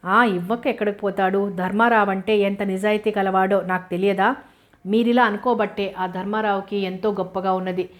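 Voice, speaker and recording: A woman's voice: mid-range voice, steady tone, moderate pace, close to an everyday voice. A woman doing a proud, trusting rich farmer. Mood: dismissive. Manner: reasoning, dismissive. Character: wealthy proud middle-aged farmer, trusting.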